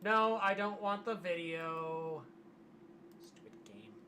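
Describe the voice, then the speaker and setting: A hoarse streamer in casual livestream commentary, wry and grumbling, reading aloud from a web page. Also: medium pitch, big pitch swings, slow, pushed and bright, slight background noise. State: losing voice, hoarse.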